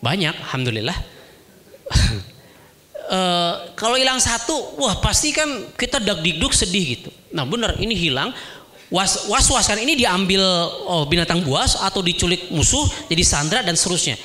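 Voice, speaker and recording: A man preaching a sermon as an animated storyteller who acts out voices. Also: high-pitched, moderate pace.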